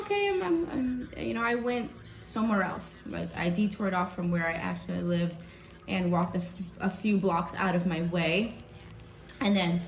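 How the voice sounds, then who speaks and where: A young woman from the South Bronx, New York, tells a personal story in a casual, candid vlog, swearing now and then. Her voice is lowish and the sound reverberant.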